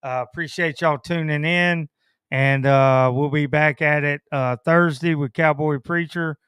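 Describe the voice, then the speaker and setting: A man's voice: a little high, steady tone, unhurried, a bit bright, clean tone, no room sound, studio quality. A man hosting a podcast with a Southern country accent, talking in a laid-back, rambling way with many fillers. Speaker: podcast host. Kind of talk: casual chat.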